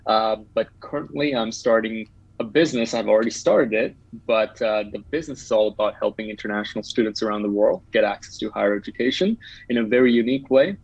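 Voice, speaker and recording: A man's voice: on the low side, fast, gravelly, husky, dull audio. A man, talking eagerly as a podcast guest, with lots of um and uh. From Bangladesh. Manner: upbeat, talkative, with frequent um and uh. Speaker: guest entrepreneur. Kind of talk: casual podcast chat.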